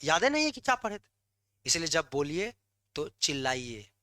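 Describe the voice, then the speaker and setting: A male teacher lecturing students in a lively way, coaxing and scolding them with loud bursts. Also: a little high, normal speed, dry recording. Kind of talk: classroom lecture.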